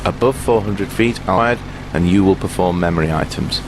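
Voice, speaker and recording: A man speaks as an airline captain from the cockpit, his voice low and level as it comes through a headset. He works through the briefing in a measured, procedural way. A steady hum of engine noise sits clearly underneath. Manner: measured, procedural pilot delivery. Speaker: airline captain in a flight simulator roleplay. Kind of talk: cockpit announcements and takeoff briefing.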